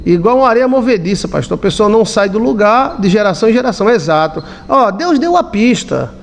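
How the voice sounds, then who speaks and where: A man's voice: high voice, sing-song, brisk, gravelly, a little hiss or hum. A man from Brazil, a pastor, preaching bluntly in everyday words and often asking his listeners if they understand. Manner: blunt and colloquial, asks the listeners questions. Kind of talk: sermon.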